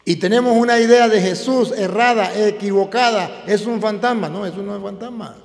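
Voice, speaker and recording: A high-pitched male priest preaches with emphatic, repeated phrases. His words ring out through a large hall with a long reverb. He builds each point by stacking up repeated lines. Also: moderate pace. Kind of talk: sermon.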